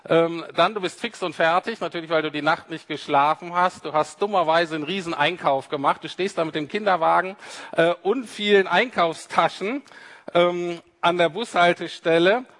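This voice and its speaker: A man's voice: fairly high pitch, moderate pace, fairly bright tone. A man giving a conversational sermon, speaking straight to his listeners and acting out the quoted lines. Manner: conversational, addresses listeners directly, acts out quoted speech. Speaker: preacher. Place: church hall. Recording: reverberant hall.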